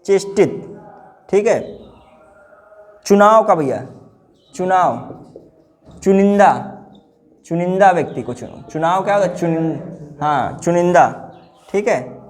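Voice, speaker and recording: Guy teaching grammar to a class, talks slow, high pitched, keeps asking the class stuff. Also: animated, a little mellow, a little hiss or hum. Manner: drilling words, repeating answers, asking the class questions.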